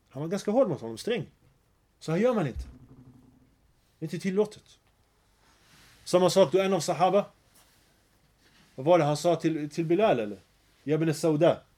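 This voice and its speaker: A man's voice: on the high side, a little mellow. A man giving an earnest religious lecture, telling stories and mixing in phrases. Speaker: preacher.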